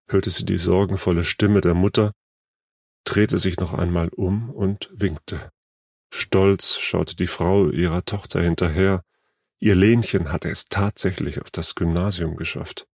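Give me a deep, calm male voice reading a short story in a dry studio. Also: gravelly, no echo. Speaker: story reader. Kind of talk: scripted narration.

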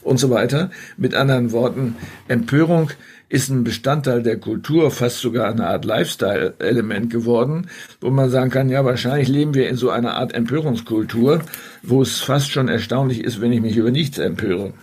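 A man speaking as a podcast guest, measured and reflective, with frequent hesitations. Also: medium pitch, a little mellow, breathy edge. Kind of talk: reflective conversational podcast talk.

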